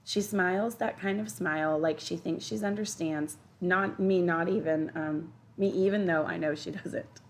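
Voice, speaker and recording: A woman teacher reading a children's novel aloud in a steady, expressive first-person storytelling voice. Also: lowish voice, normal speed, few pauses, slight background noise. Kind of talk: children's audiobook narration.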